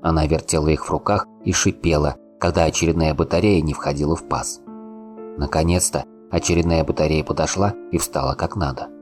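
A man narrating an audiobook in a calm, unhurried reading. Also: extremely low pitch, faint music behind. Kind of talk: scripted narration.

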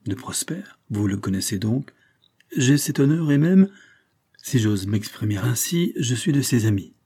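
A man voicing a sly police detective who speaks in a soft, humble, insinuating way in an audiobook. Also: mid-range voice, expressive, unhurried, breathy edge. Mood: unctuous. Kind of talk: audiobook character voice.

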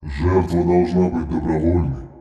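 A man voicing a dark ancient male spirit that lives inside a demigod, speaking in a grim, ominous way. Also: sits low, steady tone, measured pace, lo-fi sound, voice pushed down. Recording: echoey with long reverb.

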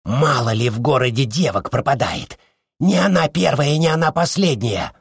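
A man voicing a hoarse sneering vampire. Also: mid-range voice, lively intonation, no room sound, clean studio sound, voice pushed up. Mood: sullen. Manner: defensive, sneering, drawn-out delivery. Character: hoarse scornful male vampire official.

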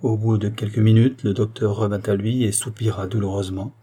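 A man narrating a novel as an audiobook, with a measured, even delivery. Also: lowish voice, slightly rough. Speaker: audiobook reader.

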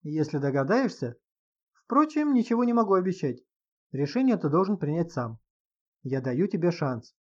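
A man voicing a cold, detached wife who speaks in a flat, lifeless tone in an audiobook reading. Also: fairly high pitch, moderate pace, highs cut off.

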